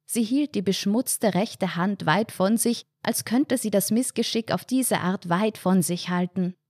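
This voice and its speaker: A woman, reading a humorous short story aloud in a calm, wry narration. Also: mid-range voice, a little slow, no room sound, clean studio sound.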